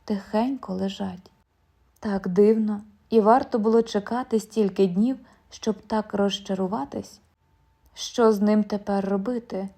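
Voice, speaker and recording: A woman narrating a literary audiobook in a measured, calm storytelling manner. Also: mid-range voice.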